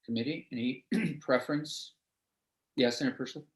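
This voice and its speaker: A man's voice: mid-range voice, fairly even intonation, moderate pace. Male committee chair, brief and procedural, roomy sound.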